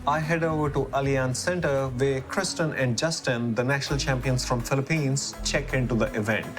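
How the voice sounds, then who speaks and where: A man reads a travel show narration in a steady, upbeat way. His voice sits at a middle pitch. Music plays clearly behind him. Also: normal speed. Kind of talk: scripted voice-over narration.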